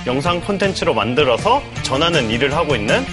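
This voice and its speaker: A man's voice: a little high, quick pace, music in the background. A man in his thirties, a startup founder, introducing himself and chatting on a studio talk show. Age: 30s. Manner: lively, laughs easily. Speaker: startup founder, guest lecturer.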